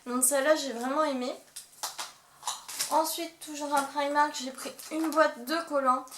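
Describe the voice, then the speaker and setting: A woman's voice: high voice, fairly even intonation, measured pace. A young woman chatting casually in a beauty haul vlog, full of fillers and restarts. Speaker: beauty vlogger. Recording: echoey room with faint noise.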